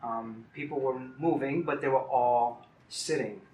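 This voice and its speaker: A man's voice: medium pitch, measured pace, a little mellow, a little hiss or hum. A middle-aged man from Puerto Rico tells his story in an easy, reflective way, as a guest on an interview show. He speaks outdoors in the city. The sound is roomy, with faint ambience behind him. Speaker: salsa singer, guest. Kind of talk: casual interview.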